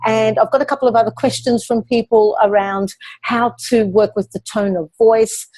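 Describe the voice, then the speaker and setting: A woman hosting a live question-and-answer session as a speaking coach, explaining techniques in a calm, guiding way. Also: fairly high pitch, moderate pace.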